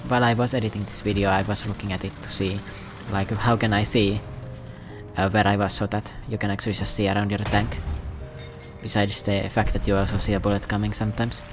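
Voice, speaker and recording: Low-voiced man rambling over game music. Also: flat delivery, a little fast. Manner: rambling, self-mocking, chatty. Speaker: gaming commentator. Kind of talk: casual gameplay commentary.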